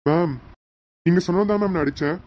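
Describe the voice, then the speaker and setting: A man's voice: high-pitched, a little fast, a little mellow, voice pushed up, lightly acted. A man voicing a nervous young henchman who keeps pleading with his boss. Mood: apologetic. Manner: pleading, keeps saying ma'am.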